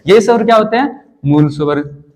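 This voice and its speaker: A man teaching a grammar lesson, asking the class questions and answering them himself, slowing down to sound out vowels one by one. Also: sits high, expressive, darkish tone. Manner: explains step by step, asks and answers his own questions.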